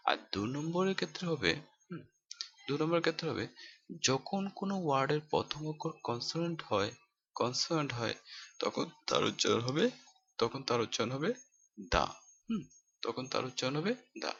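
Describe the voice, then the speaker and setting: A man teaching English pronunciation, explaining each rule slowly, repeating phrases and asking rhetorical questions. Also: medium pitch, animated, vocal fry, fairly bright tone. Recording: dull lo-fi home recording.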